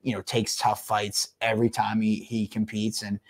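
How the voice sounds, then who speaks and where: A man's voice: lowish voice, completely flat delivery, moderate pace. A man co-hosting a fight-promotion podcast, talking casually and rambling through fighter background stories, often laughing.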